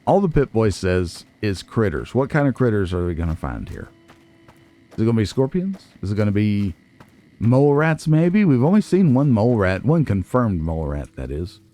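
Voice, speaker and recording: A man with a mellow, lowish voice and big pitch swings hosts a let's play at a moderate pace. He chats casually and playfully to himself and his viewers, tossing in folksy, wry asides as he comments on the game.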